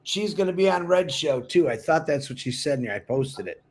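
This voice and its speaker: A man co-hosting a casual livestream, pushing a promotional pitch with laughing asides. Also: animated, a little fast, a little mellow. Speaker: livestream co-host.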